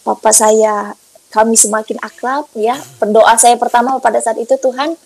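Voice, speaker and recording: A woman recounts her personal faith testimony with a fairly high, breathy-husky voice. She tells the story emphatically and colloquially, repeating herself for effect. She often acts out the lines of the people in her story. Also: moderate pace, no room sound, low-quality recording. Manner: animated, emphatic storytelling with acted-out quotes; colloquial and repetitive. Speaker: guest giving a testimony.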